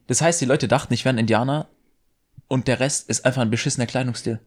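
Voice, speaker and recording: A man's voice: mid-range voice, steady tone, fast. A young man co-hosting a podcast, chatting casually in a hesitant, rambling way full of fillers, restarts and youth slang. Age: young adult. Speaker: podcast co-host. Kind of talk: casual chat.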